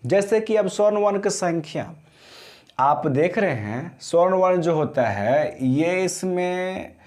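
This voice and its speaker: A man teaching a grammar class, explaining slowly and often checking whether students understood. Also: high-pitched, expressive, a little mellow. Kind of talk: classroom lesson.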